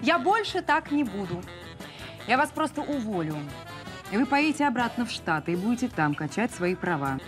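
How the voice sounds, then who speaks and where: A stern female boss who mocks her employee with sharp sarcasm. Her voice sits high and moves up and down a lot. Loud background music runs under the clip. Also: sing-song. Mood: mocking. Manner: mocking, sharp. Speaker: boss in a comedy series.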